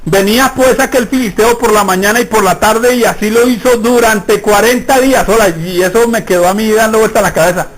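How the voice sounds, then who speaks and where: Male preacher, high-pitched, sermon delivery, keeps checking in with rhetorical questions. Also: fairly even intonation, brisk, few pauses, rough recording. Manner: asks the congregation rhetorical questions. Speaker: pastor.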